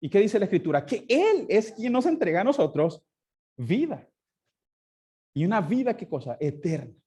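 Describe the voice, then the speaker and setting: A man's voice: high-pitched, sing-song, moderate pace, warm tone, husky. A man teaching a Sunday school class, often asking his listeners questions and answering them himself. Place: church classroom.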